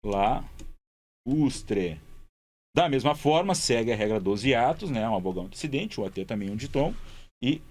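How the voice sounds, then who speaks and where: A man's voice: mid-range voice, lively intonation, moderate pace, a little mellow. Male teacher, patient board walkthrough, repeats key words, checks in often. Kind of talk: explaining grammar exercises at a board.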